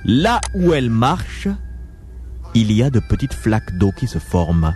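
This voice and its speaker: A man narrating a radio drama in a measured storytelling manner, with faint music behind. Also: fairly low pitch, very animated, a little mellow.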